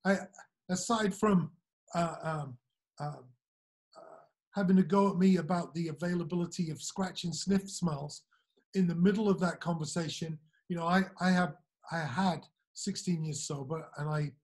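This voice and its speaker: A man's voice: sits high, darkish tone. Hesitant male interviewer on a video call. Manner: hesitant, halting, many fillers. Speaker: interviewer, host. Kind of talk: conversational interview. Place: small indoor room, video call. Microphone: webcam on a video call.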